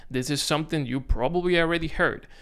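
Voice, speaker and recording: Speaking fast in a slightly high, fairly bright voice, this young Dominican man with a Dominican Spanish accent addresses his tripod-mounted camera as a content creator. His delivery is casual and self-conscious, full of false starts.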